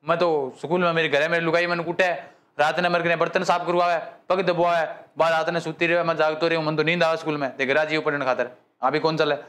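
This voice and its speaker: A man's voice: a little high, little pitch movement, a little fast, fairly bright tone, lightly acted. A man voicing a lazy, henpecked male village schoolmaster who grumbles excuses. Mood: grumbling. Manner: grumbling excuses in rustic dialect.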